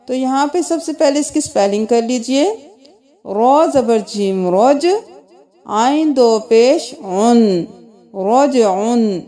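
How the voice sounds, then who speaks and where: Woman tajweed teacher, high mellow voice, spells out letters and vowels before slow melodic recitation. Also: animated.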